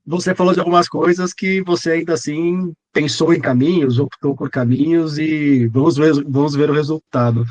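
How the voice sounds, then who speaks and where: A man's voice: fairly high pitch, fairly even intonation, normal speed, few pauses, darkish tone. A man hosting a podcast, asking a guest loosely phrased questions in casual conversation. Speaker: podcast host, interviewer.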